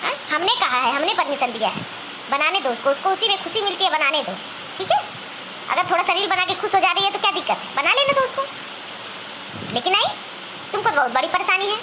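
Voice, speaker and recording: A woman's voice: very high voice, expressive, fast talker, long pauses. A woman voicing a doting, protective young husband in a cartoon comedy, reassuring and indignant in manner. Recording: noisy amateur recording.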